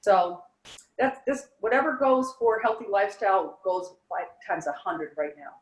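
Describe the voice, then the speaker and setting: An eager woman sharing everyday wellness advice as a yoga and fitness instructor. She talks in a lively, encouraging way and leans hard on the words she wants to stress. Her voice sits at an ordinary pitch and rings a little in a roomy space. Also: normal speed. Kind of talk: casual advice interview. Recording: roomy echo.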